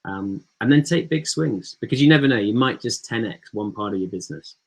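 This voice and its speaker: A startup founder giving a slide presentation in an easygoing way, with many ums and uhs, over a video call. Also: male voice, on the low side, brisk, vocal fry, slightly rough, rough recording. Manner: relaxed, filler-heavy delivery.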